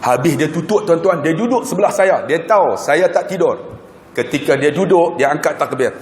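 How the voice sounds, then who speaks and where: A man delivers an animated storytelling sermon, jumping between loud exclaims and hushed asides as he acts out voices. His voice sits a little high. The sound is echoey, with a long reverb from a large mosque hall. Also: moderate pace. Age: 40s. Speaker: preacher.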